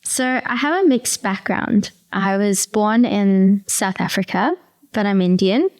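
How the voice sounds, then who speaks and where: A woman's voice: mid-range voice, measured pace, darkish tone. A woman, a practitioner telling her story as a podcast guest in an earnest, explanatory way. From New Zealand. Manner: earnest, explanatory, with occasional fillers. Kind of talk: conversational interview storytelling.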